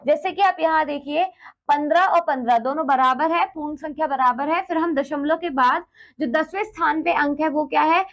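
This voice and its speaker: A woman with a high voice teaches a math lesson to children. She goes step by step with patience, asks the class questions and answers them. She drops English words into her explanations. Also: normal speed, fairly bright tone. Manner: mixes English words into Hindi.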